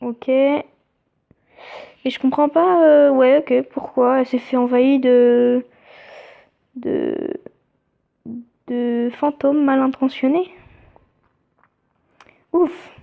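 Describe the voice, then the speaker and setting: A young woman chatting casually as she plays a mobile game, reading its text aloud and thinking out loud. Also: sits high, steady tone, slow pace, vocal fry, long pauses. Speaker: let's play gamer. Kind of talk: casual gameplay commentary. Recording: tinny phone-like sound.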